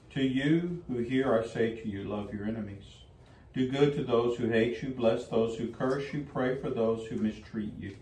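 A man's voice: medium pitch, darkish tone. An older man, a priest, reading scripture and preaching in a small chapel. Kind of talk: liturgical gospel reading and homily. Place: small wood-panelled chapel. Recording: echoey room, distant mic, faint noise.

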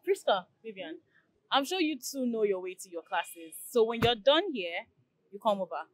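A woman's voice: a little high, expressive, normal speed, dry recording, low-quality recording. A young woman playing a sarcastic, defiant student. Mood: dismissive. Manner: cool, sarcastic.

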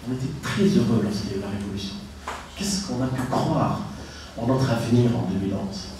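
Speaking into a handheld microphone, a middle-aged Tunisian conference speaker gives an animated, fairly quick talk at medium pitch, asking rhetorical questions and sharing anecdotes with emphasis. The recording, made from far off in an echoey indoor conference room, carries background noise.

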